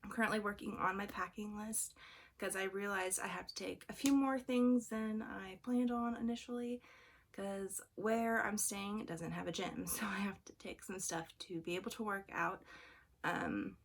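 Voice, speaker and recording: A young woman chats to her camera from a room at home in a loose, rambling vlog. Her voice sounds congested from allergies and throaty, with a gravelly fry. She wanders off on tangents and leans on fillers as she goes. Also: mid-range voice, steady tone, moderate pace, a little hiss or hum. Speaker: vlogger studying for the bar exam. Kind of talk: casual vlog chat. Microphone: camera on a fixed angle.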